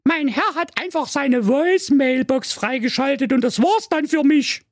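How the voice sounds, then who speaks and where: A man voicing a cheeky, know-it-all male parrot in a comedic radio play, with a shrill, squawking manner. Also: moderate pace, dry recording, studio quality. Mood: snooty.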